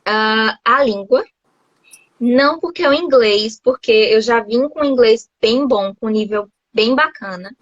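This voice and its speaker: A woman's voice: fairly high pitch, unhurried, no room sound, highs cut off. A woman from Brazil chatting casually over a video call, laughing often and restarting her sentences. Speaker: host, English teacher living abroad.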